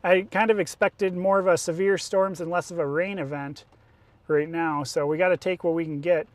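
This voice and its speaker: High-pitched American man, storm chaser. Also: steady tone, moderate pace, no echo. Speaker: storm chaser live-streaming while driving. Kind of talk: casual live commentary, thinking aloud. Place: inside a moving car.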